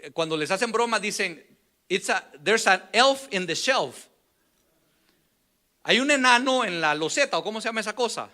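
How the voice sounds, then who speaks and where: Animated high-voiced male preacher. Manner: animated, acts out quoted voices with shouts and laughs. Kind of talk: storytelling sermon. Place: church.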